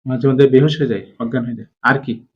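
A man in the middle of a spiritual healing session speaks in a firm, commanding voice of average pitch. He fires off questions, urges the patient to hurry and repeats each answer back. The recording sounds dull and lo-fi. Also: steady tone, quick pace. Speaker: faith healer treating jinn possession. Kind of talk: interrogating a possessed patient.

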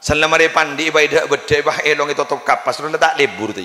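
A man preaching a comic sermon with a Madurese accent, jokey and lively, often laughing and breaking into chant, at a live religious gathering. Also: a little high, quick pace, background noise. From Indonesia. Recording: echoey live hall with ambience.

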